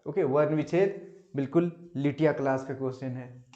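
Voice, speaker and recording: A man's voice: medium pitch, normal speed, mellow, reverberant. Lo-fi male exam tutor. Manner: urges viewers to comment, mixes English phrases, talks through answers. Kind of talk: online exam-prep lesson. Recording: dull lo-fi audio.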